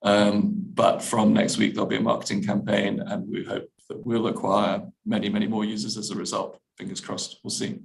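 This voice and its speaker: A man with a low, gravelly voice answers questions in a webinar. He talks haltingly, stopping and restarting his sentences often. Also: little pitch movement, slight background noise, poor audio. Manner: hesitant, many restarts and fillers. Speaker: app editor answering questions.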